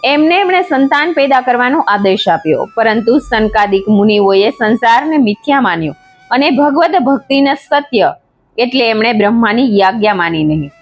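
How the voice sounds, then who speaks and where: A woman narrating a devotional scripture in a measured, steady recitation. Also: fairly high pitch.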